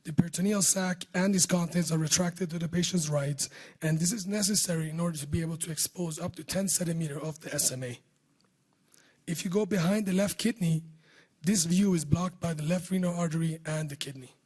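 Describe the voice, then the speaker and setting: A man with a hoarse voice that is giving out, speaking close to the microphone as he presents surgical research in a scripted talk. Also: fairly high pitch, a little fast, darkish tone. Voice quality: husky voice giving out. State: hoarse, losing his voice. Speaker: surgeon presenting research at a medical conference. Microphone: speaking close to a podium microphone.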